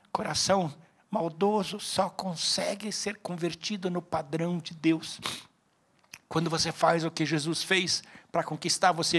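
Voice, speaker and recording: Gravelly, husky-voiced Brazilian pastor preaching. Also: male voice, sits high. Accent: Brazilian Portuguese. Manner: emphatic preaching, swinging from loud to hushed. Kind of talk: sermon. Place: church service.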